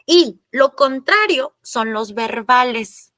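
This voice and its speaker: A woman's voice: high-pitched, expressive, slow pace, sharp tone, dry recording. A woman teacher, explaining a lesson in an online class, chatty and addressing the students directly.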